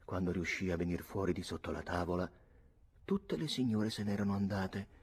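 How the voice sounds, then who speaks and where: A man narrating an audiobook in a theatrical, expressive way. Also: deep voice, husky. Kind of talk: dramatic audiobook reading.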